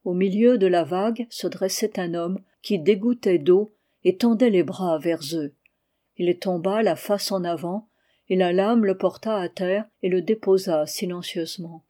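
A woman reading a novel aloud as steady scripted narration, lifting her voice for the shouted lines. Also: unhurried. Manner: steady reading, louder and higher for quoted cries. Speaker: audiobook reader.

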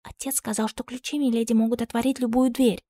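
A woman voicing an earnest young girl who serves as a maid, with a high, pleading voice. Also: steady tone, quick pace, dark tone, dry recording. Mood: hushed.

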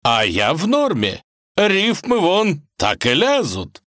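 A man's voice: fairly high pitch, huge pitch swings, slow pace, a bit bright, no room sound, clean studio sound, pitched above the performer's own voice, full character voice. A man voicing a jovial, boisterous older male kaiser who declaims rhymes.

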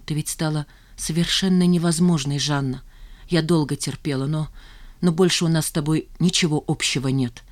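A woman's voice: low-pitched, a little mellow, natural voice. Stern exasperated young woman, read by a woman, scolding; audiobook. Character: angry, irritated young woman, stern friend.

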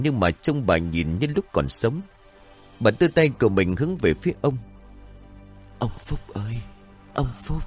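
Male narrator, low voice, animated, dramatic ghost-story reading.

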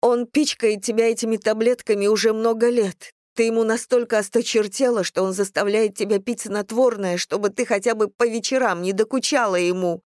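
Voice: mid-range voice, fairly even intonation, a little slow, darkish tone, dry recording, clean studio sound, pitched above the performer's own voice, lightly acted. A narrator voicing a tearful, betrayed young daughter in an audiobook, with a shaky, broken, pleading voice. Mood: desperate. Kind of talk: audiobook character reading.

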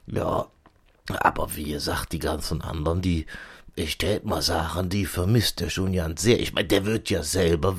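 A man doing a gravelly Rhineland lab helper. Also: sits low, heavily acted. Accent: Rhineland German. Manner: rambling, fumbling for names, complaining. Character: gossipy grumbling male lab assistant. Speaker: podcast character. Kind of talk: comic character monologue.

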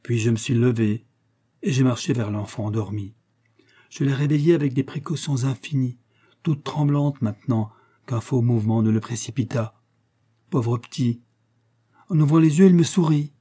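A man reading the part of an aristocratic woman confessing a dark temptation, in an intense, grave manner. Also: mid-range voice, moderate pace, pauses often, breathy edge, close to an everyday voice.

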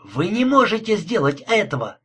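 A desperate young man pleads urgently, as a male audiobook reader voices him. The voice is husky and a little high. It stays close to the reader's own sound. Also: lively intonation, moderate pace.

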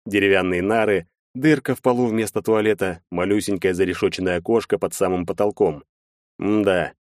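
A man narrating a fantasy audiobook in the first person, wry and measured. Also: deep voice, a little mellow, dry recording, clean studio sound.

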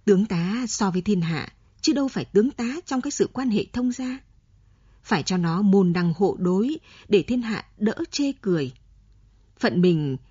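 A woman narrating a novel in a steady storytelling manner. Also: lowish voice, breathy edge, no echo, highs cut off. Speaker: audiobook narrator.

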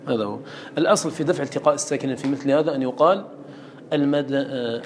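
Man teaching a classroom lesson, quizzes his students, mid-pitched voice, faint hiss behind. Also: racing. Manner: explains by questioning students and quoting recited verses. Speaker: teacher of Quran recitation.

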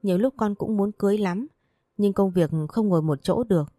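A woman's voice: medium pitch, brisk, dark tone, no echo, clean studio sound, soft background music, lightly acted. A woman reading the lines of an easygoing, caring young man in a storybook in a plain read-aloud delivery.

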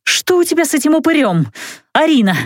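A woman's voice: sits high, big pitch swings, brisk, no room sound, studio quality, pitched above the performer's own voice. A woman voicing a stern, fiery middle-aged mother in an audiobook, speaking sharply and scoldingly. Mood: stern, angry. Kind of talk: audiobook character voice.

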